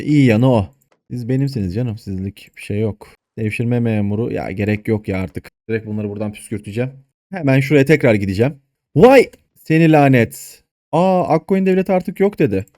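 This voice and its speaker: Male gaming host, mid-pitched, dry close mic, excitable play-by-play with shouted commands and curses. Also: no echo. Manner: excitable, swears at his troops, shouts orders. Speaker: gaming YouTuber. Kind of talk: casual gameplay commentary.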